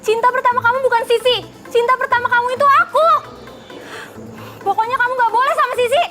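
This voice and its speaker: A woman's voice: very high voice, steady tone, fast talker. An actress playing a lovesick young woman from a spirit world who insists on the boy she loves, in a TV drama. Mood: insistent. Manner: clingy, insistent pleading. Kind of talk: TV drama acting. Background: music score.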